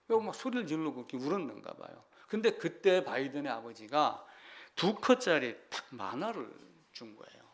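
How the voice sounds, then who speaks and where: A male pastor preaching a sermon in a lively, animated way, acting out people crying out to God. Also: a little high, normal speed.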